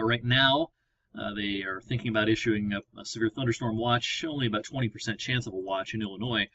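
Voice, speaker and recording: A man's voice: medium pitch, bright, forceful tone, no room sound. A man working as a meteorologist gives a casual weather briefing, explaining as he clicks through maps at a computer. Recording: slightly dull lo-fi audio.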